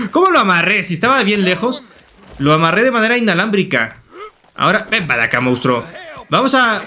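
Mexican guy doing let's play commentary, high voice swinging all over, goofy and jokey. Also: slight background noise. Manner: playful, joking, loud excited outbursts. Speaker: gaming YouTuber.

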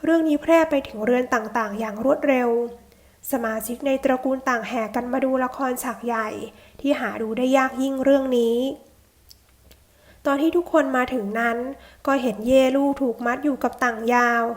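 Woman audiobook narrator, high voice, steady novel reading. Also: normal speed. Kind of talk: scripted narration of a translated novel.

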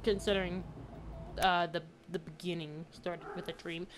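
A man's voice: sits high, little pitch movement, moderate pace, noisy background. A young man streaming a game, rambling and thinking aloud as he talks over the scenes. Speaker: gaming streamer. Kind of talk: let's play commentary. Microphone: headset.

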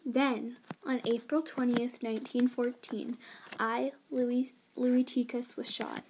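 A woman's voice: fairly high pitch, flat delivery, takes it slowly, darkish tone, slight background noise, rough recording. A woman voicing a young male immigrant miner, in an earnest first-person school history narration read plainly aloud.

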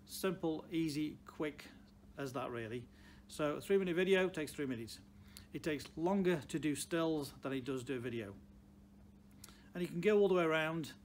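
An older man from the Potteries speaks in a Stoke accent at a slightly raised pitch. He gives off-the-cuff, plain-spoken advice as a car dealer talking to camera. Some background noise of a showroom sits behind his voice. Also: moderate pace. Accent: Stoke-on-Trent (Potteries). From Stoke-on-Trent, England. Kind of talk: unscripted direct-to-camera advice talk. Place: large indoor car showroom.

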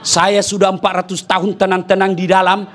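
A man voicing a fed-up male jinn who guards an old well, complaining in a lower voice. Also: level tone, fairly quick, fairly bright tone. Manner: complaining, exasperated.

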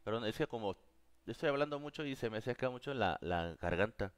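A man's voice: medium pitch, animated, brisk. A man with as his teaching a live online class, patiently answering viewers' questions. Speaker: Korean teacher.

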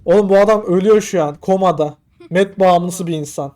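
A man's voice: high-pitched, brisk, darkish tone. A young man casually commenting on a horror game he is playing, joking around in slang and muttering to himself as he checks things off. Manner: joking, slangy, counts items under his breath. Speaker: gaming YouTuber.

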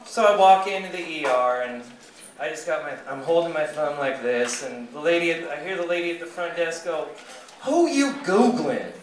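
A man's voice: a little high, a little fast, slight background noise. Crude, profane man doing stand-up. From California. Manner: crude, profane, deadpan storytelling. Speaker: stand-up comedian. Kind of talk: stand-up storytelling. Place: comedy club stage. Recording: echoey club, distant mic, crowd laughing.

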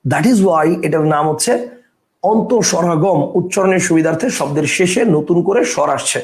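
A man's voice: on the high side, normal speed, roomy sound. A male teacher giving an exam-prep grammar lesson, repeating key terms, dropping in English phrases and checking that students follow. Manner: mixes English phrases into speech.

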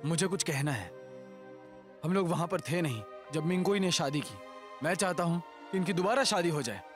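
A man's voice: a little high, expressive, moderate pace, natural voice. A man dubbing a film role as a jovial father who chuckles often, heard over faint film music. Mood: hearty. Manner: hearty, chuckling. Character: jovial older father figure. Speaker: dubbing actor. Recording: movie soundtrack with faint music.

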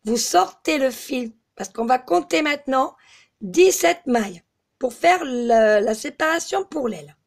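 A slightly hoarse woman giving a step-by-step crochet tutorial, patiently counting stitches aloud. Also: high voice, expressive, unhurried. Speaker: crochet teacher.

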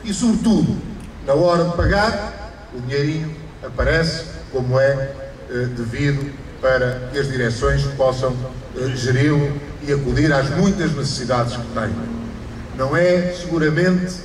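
A man's voice: medium pitch, measured pace, noisy background. A middle-aged man with a European Portuguese accent giving a formal mayoral speech at an outdoor ceremony, speaking emphatically with repeated phrases and rising stresses. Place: outdoors under an awning at a ceremony. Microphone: stand microphone through a PA, filmed from afar. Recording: PA echo outdoors, distant camera, crowd.

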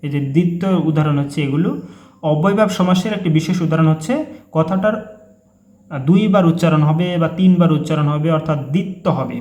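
A young man gives an online grammar lesson, naming each example word and then explaining it. His voice sits somewhat high. The recording has a noticeable room echo. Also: brisk. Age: young adult. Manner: calls out each example word, then its meaning, in a steady teaching rhythm. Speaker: grammar tutor. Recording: echoey room.

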